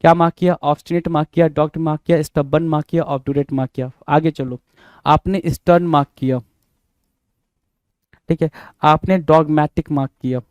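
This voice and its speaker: A man's voice: a little high, fairly even intonation, normal speed, a little mellow, clear, resonant tone, no echo. Man, Indian accent, vocabulary teacher, spells words out, dry close recording. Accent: Indian English. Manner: drills words, spells them letter by letter, asks and answers his own questions. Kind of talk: exam-prep vocabulary lesson.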